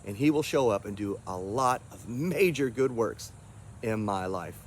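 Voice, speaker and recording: A man's voice: on the low side, animated, unhurried, a little hiss or hum. A man giving a short, earnest devotional talk as a pastor, reading scripture aloud and encouraging listeners.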